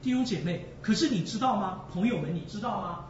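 A man's voice: sits high, lively intonation, a little fast, a little hiss or hum. A man preaching a sermon with emotion, repeating phrases for emphasis and speaking straight to the congregation. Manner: addresses the congregation directly. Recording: echoey, distant, dull sound.

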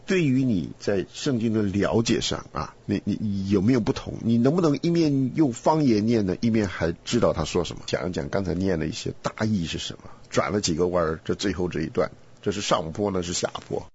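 A man hosting a casual Bible study chat, animated and rambling with frequent laughs. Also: fairly low pitch, a little fast, few pauses, slightly rough. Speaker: host. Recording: dull lo-fi recording.

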